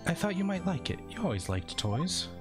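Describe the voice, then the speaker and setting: A man doing a bubbly teenage girl from a video game, her voice pitched high and cutesy with a lively, bouncing melody. She teases and chirps along over game music playing behind. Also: normal speed. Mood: teasing.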